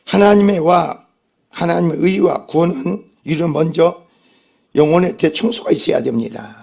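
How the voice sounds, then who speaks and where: A man's voice: a little high, moderate pace, gravelly, darkish tone, husky. A male pastor delivering a Sunday sermon, emphatic and putting rhetorical questions to the congregation.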